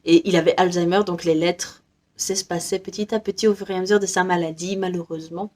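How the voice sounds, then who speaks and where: A woman's voice: fairly low pitch, steady tone, fairly quick, darkish tone. A young woman from Belgium chatting casually about her reading list, hesitant with many fillers and frequent small laughs. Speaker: book vlogger. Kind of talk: casual book haul chat.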